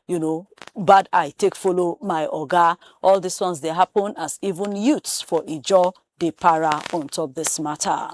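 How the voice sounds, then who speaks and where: A woman with a Nigerian accent presenting a newspaper headline review in Pidgin, brisk and emphatic with rising stresses on key stories. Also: on the low side, no room sound. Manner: brisk, animated headline reading with emphatic rises.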